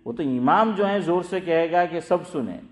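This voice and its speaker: A man's voice: a little high, expressive, roomy sound. A man, giving a conversational religious talk, asking his listeners questions and repeating key points. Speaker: Islamic scholar giving a talk. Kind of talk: conversational sermon.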